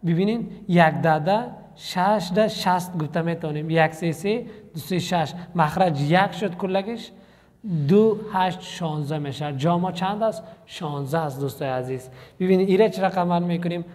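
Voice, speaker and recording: A man teaches a math class. He walks through each example step by step and keeps encouraging his students. His voice sits on the high side, and a long echo rings after it in the room. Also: a little mellow.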